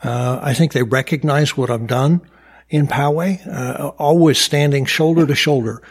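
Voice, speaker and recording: A man's voice: medium pitch, fairly even intonation, moderate pace, slightly rough. A man, a mayor running for county office, giving upbeat interview answers, proud and full of uh fillers. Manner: upbeat, boastful, frequent uh fillers. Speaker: mayor and county supervisor candidate.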